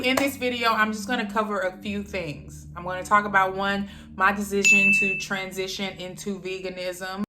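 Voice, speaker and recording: A woman's voice: mid-range voice, a little hiss or hum. A young woman from Texas, chatting playfully and animatedly in a casual vlog. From Dallas, Texas, USA. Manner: playful and animated, slips into quoted voices and laughs. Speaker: vlogger.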